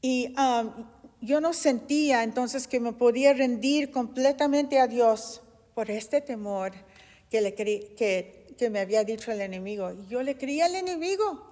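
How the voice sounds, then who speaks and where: A woman's voice: on the high side, unhurried, mellow. A woman in her fifties preaching a sermon and giving an earnest, impassioned personal testimony. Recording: long hall reverb.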